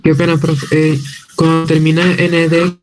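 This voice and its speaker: A man, a student in an online class, asking halting questions about grammar. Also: on the high side, monotone. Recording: music playing behind.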